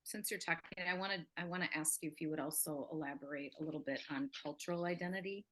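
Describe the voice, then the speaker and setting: Low-pitched woman moderator, gently probing, filler-heavy questions. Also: quick pace. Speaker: panel moderator. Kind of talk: moderating a panel discussion.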